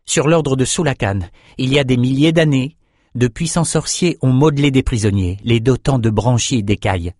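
Audiobook figure: a man as a curious young swordsman. Slightly raised pitch, patient explanations. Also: darkish tone, dry recording, studio quality, natural voice.

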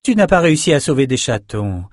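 A man's voice: medium pitch, sing-song, a little fast, no echo, clean studio sound, voice pushed up, close to an everyday voice. A man voicing a stern, commanding sorceress in an audiobook, blunt and probing. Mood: firm. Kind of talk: audiobook character voice.

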